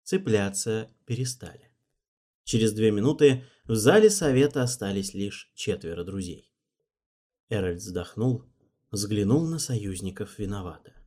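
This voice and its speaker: A man narrating a fantasy audiobook in a steady, measured reading voice. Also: fairly low pitch.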